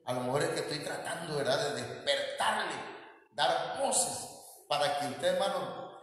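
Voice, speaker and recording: Mexican pastor preaching loud and fervent, big echoey church sound. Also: male voice, a little high, moderate pace. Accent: Mexican Spanish. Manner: fervent, dramatic preaching with rising calls. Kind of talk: sermon and prayer. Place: church hall. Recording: echoey hall, distant mic.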